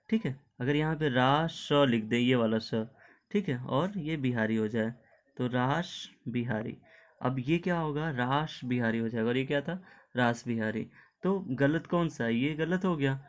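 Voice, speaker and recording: A man teaching Hindi pronunciation in an online video lesson. He explains patiently, often checks in with "okay", and mixes English words into his Hindi. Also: medium pitch.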